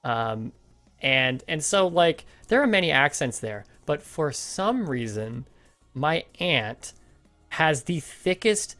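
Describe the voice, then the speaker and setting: A man's voice: on the high side, big pitch swings, slow, a bit bright, soft background music. A man from Canada co-hosting a podcast in casual chat, talkative and laughing often, with lots of "you know"s. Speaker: podcast co-host.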